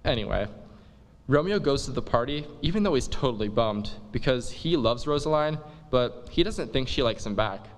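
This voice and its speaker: A man's voice: medium pitch, lively intonation, normal speed, in a large hall. A man giving a comic monologue in laid-back slangy dude talk, full of "like". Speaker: comic performer. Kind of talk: comic monologue retelling a play.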